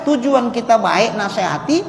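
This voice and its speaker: A man, preaching a conversational sermon to women, dropping into hushed prayer tones. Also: very high-pitched, lively intonation, moderate pace, gravelly, a little hiss or hum. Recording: echoey hall with faint ambience.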